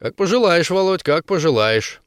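A man's voice: fairly high pitch, animated, normal speed, smooth, no room sound, clean studio sound, voice pushed up, natural voice. Man doing a brash teenage boy. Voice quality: brash, mocking. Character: cocky, impatient teenage boy fighter.

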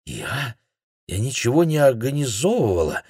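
A man's voice: lowish voice, expressive, normal speed, dry recording, clean studio sound, lightly acted. A man voicing a young woman interpreter who speaks in a subdued, curt way.

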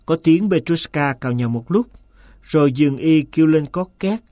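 A man narrating a novel as an audiobook in an even, measured storytelling manner. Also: on the high side, dry recording, clean studio sound. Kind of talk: scripted narration.

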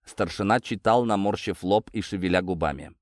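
A man's voice: deep voice, brisk, dry recording, clean studio sound. A man reading a first-person story as an audiobook, telling it expressively. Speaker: audiobook narrator.

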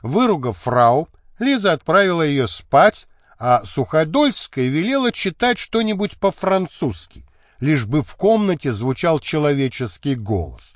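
A man narrating a historical novel as an audiobook, measured and expressive. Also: a little high, no room sound, studio quality.

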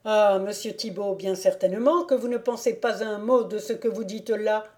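Woman doing an excited young hunting valet. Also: mid-range voice, normal speed, lightly acted. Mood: insistent. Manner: loud, emphatic exclamations.

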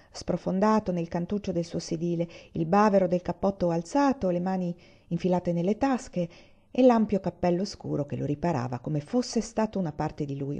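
A woman reading a literary short story aloud in a measured, expressive way, with occasional restarts. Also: mid-range voice. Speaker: literary reader. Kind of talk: audiobook-style story reading. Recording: dull lo-fi recording.

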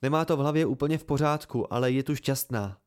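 A man's voice: fairly high pitch, lively intonation, darkish tone, voice pushed up, close to an everyday voice. A man doing an anxious, pleading young student. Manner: urgent, pleading.

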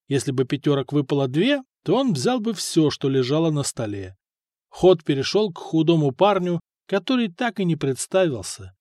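A male audiobook narrator with a somewhat high voice, reading in a measured storytelling style. The recording is close and dry, with no room sound. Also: a little mellow, dry recording. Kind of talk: scripted narration.

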